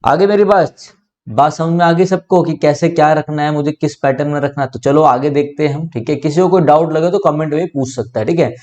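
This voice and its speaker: Lively Indian male grammar teacher. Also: fairly high pitch, brisk. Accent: Indian English. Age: young adult. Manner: explains step by step, keeps asking and answering his own questions. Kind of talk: online grammar lesson.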